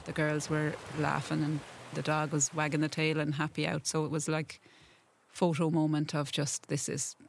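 A woman's voice: sits low, completely flat delivery, moderate pace, vocal fry, a little hiss or hum. A middle-aged woman, telling a story casually as an interviewee.

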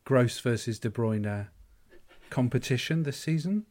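A man's voice: medium pitch, measured pace, darkish tone. Cheeky male podcast co-host. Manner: cheeky, swearing, banter. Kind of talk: casual chat.

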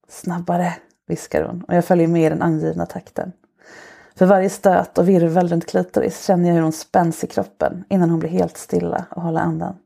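A woman narrates an adult short story for her podcast, her low voice heavy with gravelly fry. She reads slowly and softly, with an intimate hush, and her tone stays dark and mellow throughout. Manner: slow, soft, intimate storytelling. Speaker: podcast host.

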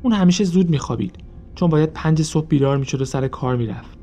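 Male narrator, dark mellow tone, steady measured true-crime storytelling over soft music. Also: a little high, lo-fi sound. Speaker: podcast narrator.

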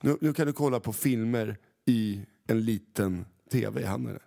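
A man's voice: fairly low pitch, vocal fry, dark tone. A man co-hosting a podcast in casual chat, joking and mocking himself, speaking into a handheld mic. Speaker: podcast co-host. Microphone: handheld microphone.

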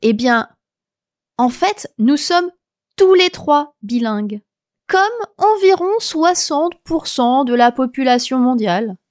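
A woman's voice: high-pitched, expressive, slow pace, darkish tone, no echo. A woman podcast host from France, in her thirties or forties, explaining things in a chatty, lightly humorous scripted monologue.

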